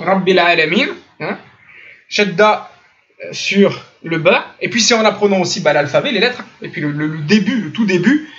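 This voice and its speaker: A man's voice: sits high, a bit bright. A French-speaking man giving an online religious lesson, insistently correcting pronunciation by demonstrating the sounds himself. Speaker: Islamic teacher. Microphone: computer mic in online voice chat room. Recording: lo-fi online voice chat audio.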